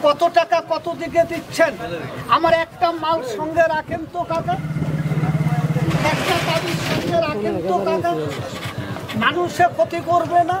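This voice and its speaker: A man selling amulets and herbal charms works a crowd outdoors at a busy public place, hammering out short, repetitive, insistent sales lines. He speaks in a very high pitch with little variation, at a moderate pace broken by long pauses, while loud crowd and traffic sounds fill the busy street recording.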